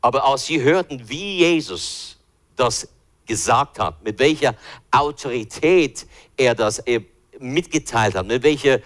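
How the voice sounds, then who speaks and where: A man's voice: mid-range voice, expressive, unhurried, a bit bright. A man teaching from the Bible in an informal, conversational way, thinking aloud as he looks for verses. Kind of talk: informal Bible study talk.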